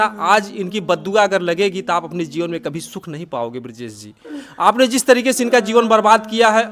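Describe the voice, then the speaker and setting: A man's voice: high-pitched, fairly bright tone. A man interviewing a woman for a news-style video, talking in an earnest, sympathetic way.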